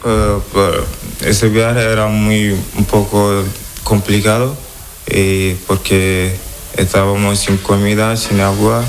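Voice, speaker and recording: Hesitant man from Senegal, slow. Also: lowish voice, flat delivery, a little hiss or hum. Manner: hesitant, halting non-native Spanish. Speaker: interviewee. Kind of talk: street interview.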